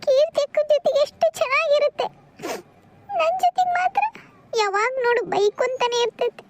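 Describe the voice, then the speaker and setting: A woman voicing a gentle, grieving young village girl in a cartoon, soft-spoken. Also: very high-pitched, animated, normal speed. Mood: sad. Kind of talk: cartoon voice acting.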